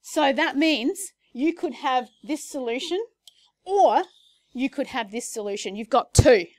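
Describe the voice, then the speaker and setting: Woman teaching a class, slightly high voice, chatty and self-correcting, recorded dry. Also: lively intonation, measured pace, a little mellow, no room sound. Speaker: maths teacher. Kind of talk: classroom lesson.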